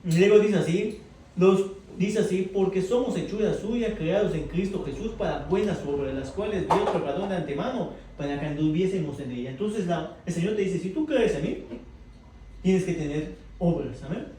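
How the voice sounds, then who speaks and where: Brief: warm, slightly high male Bible teacher, conversational, heard from far off in a roomy hall with faint noise. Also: normal speed. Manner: asks the group questions, tags lines with "verdad?". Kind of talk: interactive Bible class.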